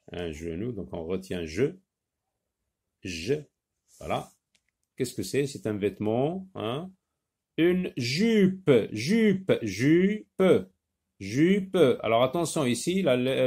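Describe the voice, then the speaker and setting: A man gives a reading lesson to young children at a very slow, deliberate pace. He stretches out each word and sound for his pupils to copy. His pitch rises and falls in a lively, sing-song way. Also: breathy edge. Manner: slow, drawn-out modelling of sounds and words. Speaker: teacher.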